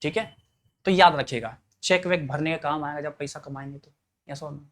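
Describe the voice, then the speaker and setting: A man's voice: fairly high pitch, steady tone, moderate pace, fairly bright tone. Male teacher drilling students. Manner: drills students with repeated questions like "yes or no?"; joking and colloquial. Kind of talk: classroom English lesson.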